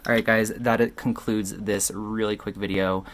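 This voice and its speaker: A man's voice: on the low side, flat delivery, moderate pace, a bit bright. A man giving a casual makeup tutorial while tipsy from wine, candid and cheeky, rambling and correcting himself as he goes. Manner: rambling, self-correcting, loses train of thought. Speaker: makeup reviewer.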